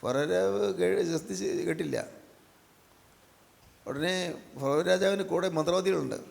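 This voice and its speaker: A man's voice: high-pitched, moderate pace, creaky, darkish tone. A man preaching a sermon, repeating his phrases and asking the listeners question after question. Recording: echoey hall with long reverb.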